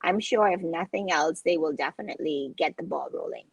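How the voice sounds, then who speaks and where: A woman's voice: deep voice, brisk, vocal fry, breathy edge, dry recording, muffled recording. A woman hosting a casual interview, encouraging her guest with frequent affirmations. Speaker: host.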